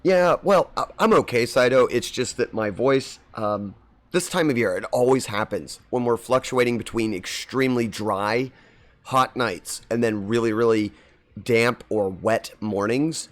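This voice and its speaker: An unhurried man with a medium-pitched voice is gaming live and chatting casually, sounding slightly scratchy thanks to seasonal allergies. Friendly and meandering, he greets his viewers individually by name.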